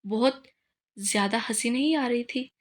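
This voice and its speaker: A woman's voice: fairly high pitch, normal speed, natural voice. A woman reading the lines of a confident young husband who teases his wife in a romance novel.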